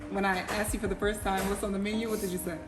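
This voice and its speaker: A woman chatting casually as an interviewer in a restaurant. She is animated, laughs often and turns to talk to her viewers. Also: medium pitch, racing. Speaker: interviewer, vlogger. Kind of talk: casual chat. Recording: clear background music.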